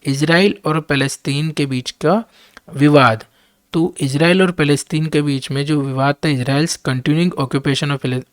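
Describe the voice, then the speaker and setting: A man with an Indian accent, an English teacher who reads editorial lines slowly and then explains them in quick Hindi. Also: fairly high pitch, dry recording, studio quality.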